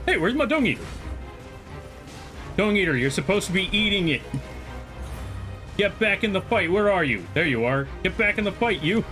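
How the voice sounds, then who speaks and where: A man's voice: sits high, very animated, moderate pace, long pauses, over music. A man streaming a game live, chatting playfully, reading chat aloud and joking with the game as he plays. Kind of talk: live gameplay commentary.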